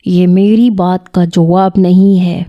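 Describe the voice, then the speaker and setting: A man's voice: high-pitched, flat delivery, highs cut off, natural voice. A woman reading the lines of a brash, possessive young foreign man in a romance audiobook. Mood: demanding. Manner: demanding, possessive. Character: brash young American man speaking accented Urdu.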